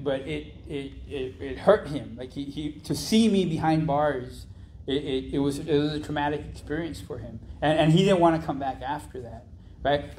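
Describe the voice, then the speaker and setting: A young adult man preaching, telling his own story in a halting way with many restarts and a frequent "right?". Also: on the high side, dark tone, a little hiss or hum. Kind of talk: testimony sermon.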